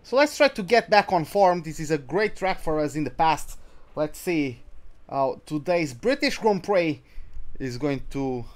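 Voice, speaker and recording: Streaming a racing game live, this man offers chatty, casual commentary in a slightly high, expressive voice at a measured pace. He breaks off to say hello to viewers by name.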